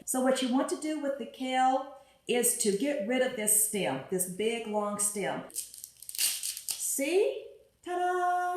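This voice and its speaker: Woman host, home cooking demo, chatty and upbeat, slightly high voice, very echoey kitchen. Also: a little mellow. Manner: chatty, upbeat, thinks aloud while working. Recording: very echoey room with music behind.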